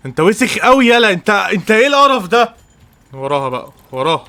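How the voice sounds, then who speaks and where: A man's voice: high-pitched, very animated, fast, bright, forceful tone. A young man with an Egyptian Arabic accent, a gaming streamer giving frustrated, trash-talking commentary over gameplay. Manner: frustrated, trash-talking, swears and mocks the opponent.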